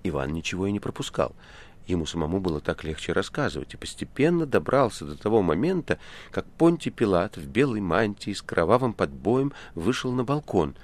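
Deep-voiced male audiobook narrator. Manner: measured, expressive storytelling.

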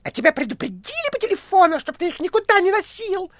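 A man's voice: very high-pitched, wildly swooping pitch, fast, a bit bright, no echo, studio quality, full character voice. A man voicing a short, fat, cat-like male thug who talks in a piercing, squealing voice and bullies his victim. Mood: shrieking threats. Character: pudgy cat-faced male thug, rude and menacing.

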